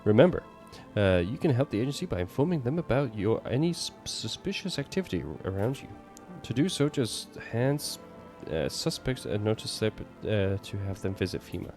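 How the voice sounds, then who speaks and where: A man's voice: lowish voice, big pitch swings, moderate pace, few pauses, a little mellow, faint music behind. A man reading a male emergency-agency broadcast announcer in a horror game, delivering upbeat propaganda.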